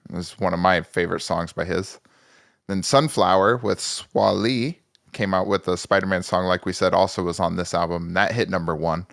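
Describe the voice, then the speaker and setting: Deep-voiced man on a chatty podcast. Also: fairly even intonation, normal speed, creaky, fairly bright tone, no echo, studio quality. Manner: joking, self-mocking, rambling with restarts. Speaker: podcast co-host. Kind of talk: casual podcast chat.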